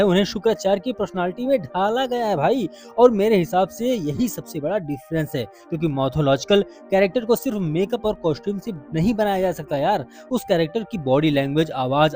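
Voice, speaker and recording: High-voiced man reviewing a film trailer. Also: darkish tone. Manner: chatty, addresses viewers as brother and friend. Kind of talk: casual spoken film review.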